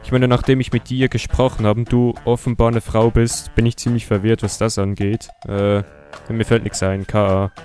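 A man's voice: on the low side, little pitch movement, moderate pace, darkish tone, soft background music. A young man hosting a comedy video, mocking and sarcastic as he comments, often laughing. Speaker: YouTuber host.

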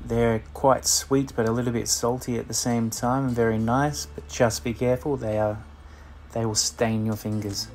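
A man, a cafe chef chatting casually outdoors about foraging, relaxed and full of ums. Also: mid-range voice, normal speed, faint music behind. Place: outdoors on the coast and in pine woods.

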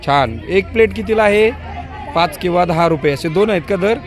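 A male school teacher touring an outdoor school market, briskly coaxing children with quick prompts. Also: high voice. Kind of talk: walking tour of a school market stall by stall. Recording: noisy crowd of children outdoors.

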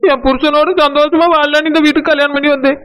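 A woman's voice: sits high, level tone, fast talker, natural voice. A woman voicing a frightened, pleading young village daughter-in-law with a Tirunelveli Tamil accent in a cartoon. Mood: fearful. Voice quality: anxious, pleading.

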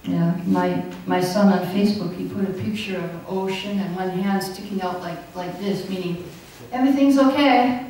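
Here an older woman speaks at a moderate pace with few pauses, her warm voice in the mid range, as she delivers a scripture class full of stories and frequent laughter. Recorded from a distance through a podium mic on a stand, the echoey indoor hall carries slight background noise.

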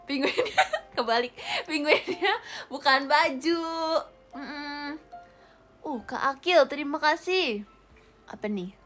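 Giggly high-voiced young woman streamer. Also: a bit bright. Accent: Indonesian. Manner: giggly, playful, chatty. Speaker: idol live streamer. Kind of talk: casual chat reading viewer comments. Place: indoor room, air-conditioned. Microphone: phone or webcam livestream.

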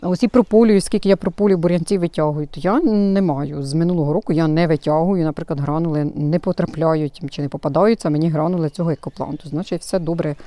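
Lady giving garden tips, mellow voice, lots of umms, dry close sound, outside by her flowers. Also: deep voice, fast, hardly any pauses, no echo. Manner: chatty, explanatory, hesitant with many fillers. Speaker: gardening channel host. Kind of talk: casual gardening how-to. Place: outdoor flower bed in a garden. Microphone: self-filmed camera.

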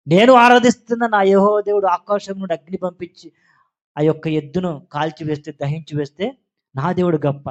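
A man preaching a sermon, telling a story in a lively, playful way and acting out the quotes. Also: high voice, lo-fi sound.

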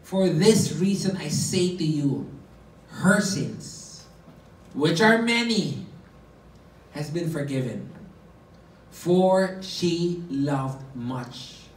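A man's voice: fairly high pitch, animated, drawn-out words, long pauses. A man preaching a sermon, reading scripture verses aloud and explaining them between readings, coaxing his listeners along. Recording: roomy echo, heard from a distance.

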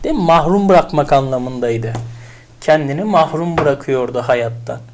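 A teacher giving an online English vocabulary lesson, chatty and animated, asking themselves questions aloud as they recall memory tricks. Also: medium pitch, normal speed, noisy background.

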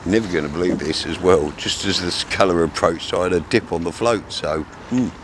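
A man's voice: low voice, fairly quick, background noise. Chatty older man fishing by a river. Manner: chatty, rambling, with many fillers and restarts. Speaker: fishing vlogger. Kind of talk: casual talk to camera while fishing. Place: outdoors on a grassy riverbank by calm water. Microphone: camera mic from a few metres away, speaker often turned aside.

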